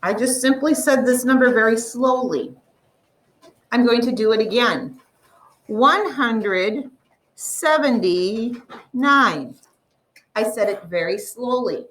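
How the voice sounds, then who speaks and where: A woman teaching a math lesson to a classroom, explaining step by step and slowly drawing out the numbers. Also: a little high, recorded from a distance, rough recording.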